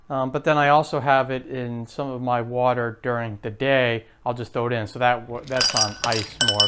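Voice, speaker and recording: There's a little hiss or hum behind this mid-range male voice. He's a health vlogger in his late fifties (his 50s), speaking to camera in a chatty, rambling way, full of fillers and false starts.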